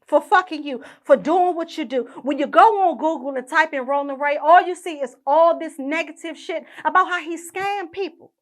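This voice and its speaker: A woman's voice: sits high, moderate pace, few pauses, fairly bright tone. A young woman hosting her own podcast, ranting indignantly and swearing constantly. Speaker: podcast host. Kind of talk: profane ranting monologue.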